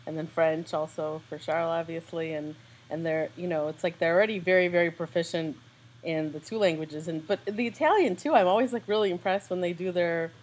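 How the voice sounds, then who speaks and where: A woman's voice: fairly low pitch, fairly quick, darkish tone. A young American woman co-hosting a podcast, chatting casually and rambling with lots of fillers. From United States. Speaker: podcast co-host. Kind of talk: casual chat.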